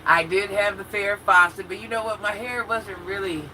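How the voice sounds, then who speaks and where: Brief: American woman, husky yet very bright and forceful, animated casual storyteller, livestream feel, distant mic. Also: moderate pace. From rural United States, country upbringing. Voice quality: naturally husky, low-register voice for a woman. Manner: animated, dramatic retelling with acted-out quotes. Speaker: livestreamer chatting with viewers. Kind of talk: casual storytelling to a live chat. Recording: distant mic with faint background noise.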